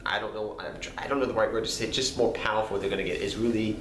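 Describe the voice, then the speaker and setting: This card game channel host talks fast with fairly even intonation, his fairly low, fairly bright voice nasal from a cold. He speaks casually to camera, rambling, repeating himself, and apologizing, in an echoey room with faint background noise.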